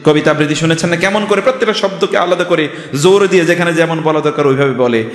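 A man's voice: on the high side, fast talker. An older man from Bangladesh giving a Friday sermon, emphatic, full of rhetorical questions and storytelling. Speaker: preacher. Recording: echoey hall reverb.

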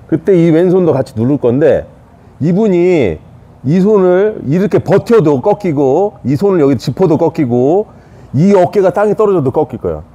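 Husky jiu-jitsu instructor, lively pitch. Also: male voice, normal speed, highs cut off. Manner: talks while demonstrating, repeats short cues. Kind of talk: hands-on technique demonstration.

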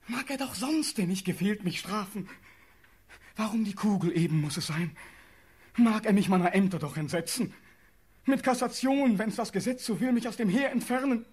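Performing in a classical verse radio drama, a young man voices a condemned prince who pleads desperately for his life. The delivery is impassioned and declamatory, veering between whispers and cries, in a high, slightly rough voice at a moderate pace.

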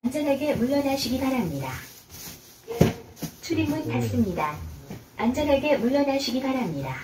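A woman's recorded voice giving formal train announcements over an onboard loudspeaker. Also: high-pitched, sing-song. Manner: slow, evenly paced, formal. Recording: echoey loudspeaker heard from far off over loud train noise.

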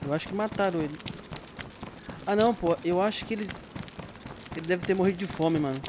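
A man's voice: high voice, fairly quick, noisy background. A young man with a Brazilian Portuguese accent giving casual, slangy gameplay commentary and laughing often. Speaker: gameplay streamer.

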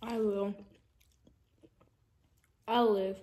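A woman's voice: mid-range voice, extremely slow, background noise. A young woman vlogger chatting casually while eating, her mouth full of soup. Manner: relaxed, rambling, talking while eating. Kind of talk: casual mukbang chat.

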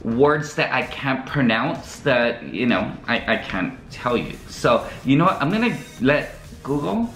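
A man's voice: medium pitch, big pitch swings, a little slow, a bit bright. A man hosting a casual vlog, chatty and joking, with many ums as he talks to his viewers. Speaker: vlogger host. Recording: echoey room with faint music.

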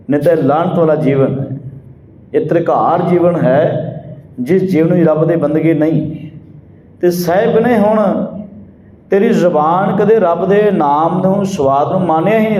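A Punjabi-accented man preaches a Sikh sermon, drawing out scripture verses in a slow, half-sung chant before explaining them in plain speech. His voice sits a little high yet sounds mellow. The room around him is echoey. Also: slight background noise.

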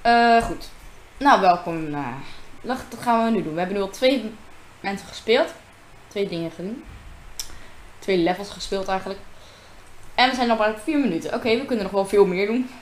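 A woman's voice: medium pitch, normal speed. Female gamer, casual running commentary into a desk mic; echoey home room with faint noise. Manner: chatty, talks to herself and viewers while playing. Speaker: gamer narrating her own gameplay. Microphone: desk microphone.

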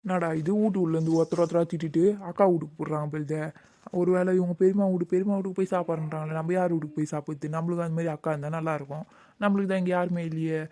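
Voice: mid-range voice, steady tone, very fast, dark tone, natural voice. A performer voicing a sheepish, coaxing father in a cartoon, with speech. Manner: coaxing, pleading. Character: sheepish village father, coaxing and soft-spoken. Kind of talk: cartoon voice acting.

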